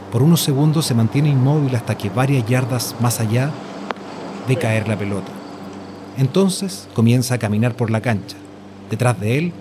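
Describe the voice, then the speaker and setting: A man's voice: mid-range voice, background noise. A man reading a scripted journalistic story as narrator. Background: music.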